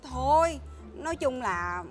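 A woman's voice: high-pitched, sing-song, slow pace, over music. A woman acting a wife in a comedy sketch, chatty and exclamatory. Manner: chatty, exclamatory, keeps saying "trời ơi".

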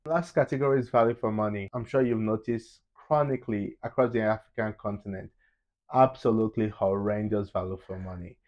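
A man's voice: lowish voice, fairly quick, lo-fi sound. A young man co-hosting a travel vlog, chatting casually and opinionated, recorded in a hotel room on a lapel mic. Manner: animated, opinionated, laughs easily. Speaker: travel vlogger co-host. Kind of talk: casual review chat.

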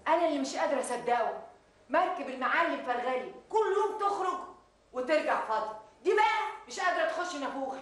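An actress playing a chatty wife gossiping about a neighbor, in an Egyptian accent. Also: female voice, high-pitched, animated, quick pace, a bit bright. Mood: gossipy. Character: gossiping wife, amazed at a neighbor's bad luck. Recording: very echoey room.

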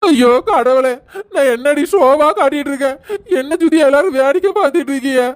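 A woman's voice: sits high, brisk, close to an everyday voice. A woman with a Kanyakumari Tamil accent playing a young pregnant wife in labour who wails, groans and bickers sharply in a family comedy skit. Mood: sharp, whiny.

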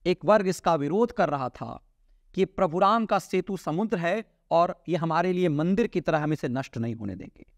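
A middle-aged male host delivers forceful political commentary from a studio desk, his fairly high voice rising and falling with emphasis. The lapel-mic sound is close and dry, with no room around it. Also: animated, normal speed, no echo. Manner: emphatic, swinging pitch with sharp drops at phrase ends. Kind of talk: opinionated news commentary to camera. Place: indoor studio with virtual set. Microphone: lapel mic, seated at desk.

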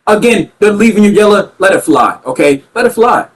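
A young man giving emphatic, ranting commentary on his own basketball video game play, repeating himself and getting loud at big plays. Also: sits high, animated, a little fast, rough recording. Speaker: gaming YouTuber commentating his own gameplay.

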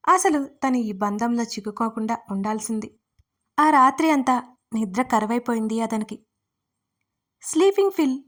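A woman reading a romance story aloud, slipping into the lovers' dialogue in her own voice. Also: fairly high pitch. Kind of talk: scripted story narration.

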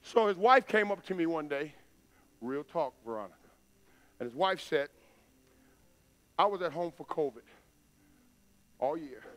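A middle-aged man preaching in a church, chatty and plain, then building to loud, emphatic outbursts. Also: fairly high pitch, animated, unhurried, long pauses. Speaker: pastor. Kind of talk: sermon. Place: church sanctuary stage.

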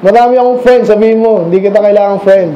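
Male pastor, informal sermon, mellow tone, dull lo-fi recording. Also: high-pitched, fast talker, a little hiss or hum. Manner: conversational, quizzes children in the congregation. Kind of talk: informal Sunday evening sermon. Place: small church mission hall. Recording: echoey, dull lo-fi room recording.

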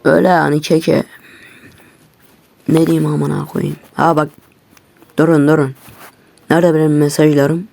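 Gravelly, profane ranting young-sounding man. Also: on the high side, little pitch movement, unhurried, long pauses, a little mellow. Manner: heavily profane, agitated ranting. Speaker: YouTuber. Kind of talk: angry casual rant to viewers. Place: at his computer.

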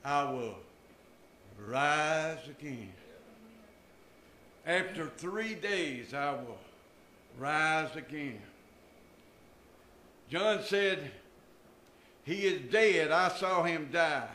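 A man's voice: on the high side, lively intonation, drawn-out words, pauses often, pushed and bright, a little hiss or hum. An older man preaching a sermon from a church pulpit, with emphatic rises and drops in his voice. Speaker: pastor. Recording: echoey church room.

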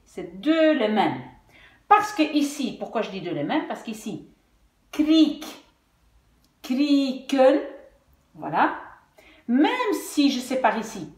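A woman teaching Dutch spelling, patiently sounding out words syllable by syllable. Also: mid-range voice. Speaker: language teacher. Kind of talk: explaining Dutch spelling at a whiteboard. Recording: echoey room.

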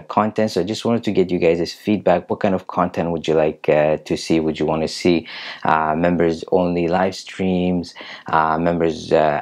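A man in his thirties hosting his reaction channel, talking casually indoors and pausing often on fillers as he speaks. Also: sits low, a little mellow. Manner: halting, frequent filler pauses. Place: indoor room.

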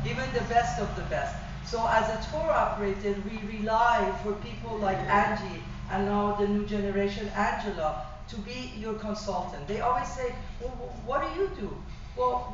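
A middle-aged woman from Iran with a Persian accent, giving an animated sales presentation about private travel to a small audience. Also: medium pitch, background noise. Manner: animated, gesturing, with frequent fillers and restarts. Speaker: tour operator presenter. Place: small function room. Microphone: far room camera. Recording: distant, echoey, dull room recording.

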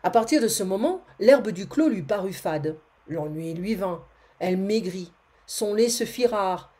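Female narrator for a storybook reading, expressive, mellow, warm tone, some self-corrections. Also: medium pitch, a little slow. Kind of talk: reading a classic tale aloud.

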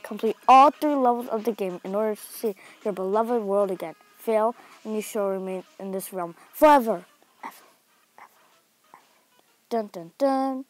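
Woman as slow, theatrical, menacing game overlord. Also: mid-range voice, lightly acted, poor audio. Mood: pompous menace. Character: bossy mysterious game voice, theatrical villain punishing teenage procrastinators. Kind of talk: acted animated game dialogue.

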